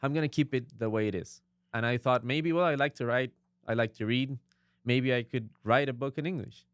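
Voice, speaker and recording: Costa Rican man with a smooth voice. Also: mid-range voice, fairly quick, a bit bright, no room sound, studio quality. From Costa Rica. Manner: earnest, explaining at length with many affirmations. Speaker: guest author. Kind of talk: casual interview chat.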